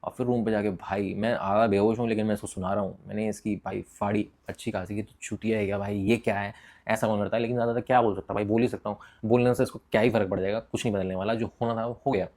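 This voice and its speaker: Young man from India, casual storytelling, quick delivery, low voice, swears freely. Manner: animated, mixes English into Hindi, swears freely. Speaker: vlogger telling a personal story. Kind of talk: casual storytelling with crude slang.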